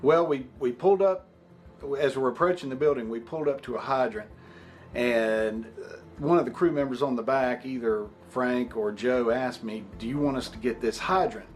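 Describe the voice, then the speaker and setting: A middle-aged man speaks in a measured, explanatory way, recounting as a firefighter in a documentary interview. His pitch is average, with soft music underneath. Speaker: firefighter, company officer. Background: background music.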